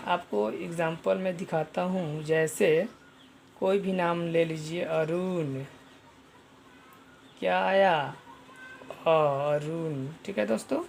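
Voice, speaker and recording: A man's voice: high-pitched, slow, vocal fry, pauses often, slight background noise. A man teaching an online pronunciation lesson, spelling out letters and repeating each sound, often addressing viewers as friends.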